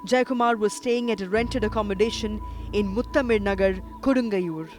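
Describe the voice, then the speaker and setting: A man reading a scripted news documentary narration in a measured, even way. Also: high voice. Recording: voice-over with music behind.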